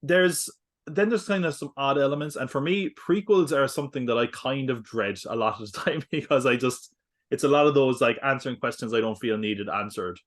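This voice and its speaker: A man's voice: medium pitch, brisk. A man co-hosting a film podcast, talking casually in a rambling way, full of fillers and jokey asides. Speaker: podcast co-host. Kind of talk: casual film review chat.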